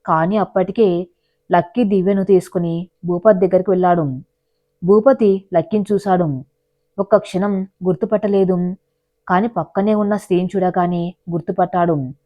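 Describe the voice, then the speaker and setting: A woman narrating a scripted, dramatic story in a steady storyteller's manner, on slightly dull audio. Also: lowish voice, normal speed, long pauses.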